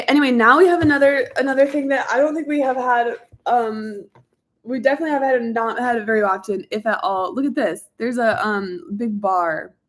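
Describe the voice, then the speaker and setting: A woman reading a nonfiction book aloud at a steady pace, sometimes stumbling and repeating words and sometimes stopping for casual asides. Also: on the high side. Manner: reads steadily, now and then slipping and repeating words. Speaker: reader of a book.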